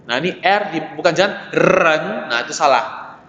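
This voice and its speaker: A man teaches a beginner Mandarin lesson. His voice sits fairly high, and he patiently drills syllables, checking in with his students again and again. The recording is lo-fi and dull, with echo ringing around the room. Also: expressive, brisk, sharp tone. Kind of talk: classroom lesson explaining Mandarin tones. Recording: echoey, dull, lo-fi room recording with long reverb.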